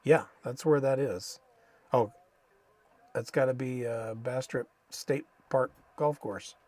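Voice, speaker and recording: An American man hosting a casual live stream, thinking aloud haltingly and saying Spanish names with an American accent. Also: medium pitch, mellow. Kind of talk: casual live stream commentary while reading maps.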